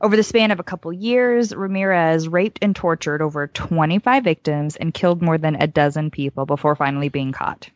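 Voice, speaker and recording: A woman's voice: low voice, a little fast, few pauses, no room sound. A woman co-hosting a podcast, telling a true-crime story from notes in an informal, conversational way. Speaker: podcast co-host. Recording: dull lo-fi dry close audio.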